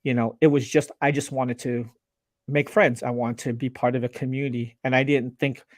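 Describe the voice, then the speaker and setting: On a casual live-stream interview, an earnest man who owns a laser business appears as a guest, talking animatedly and frequently restarting his sentences. His pitch is an ordinary middle, and the audio is close and dry with no echo, like a video call.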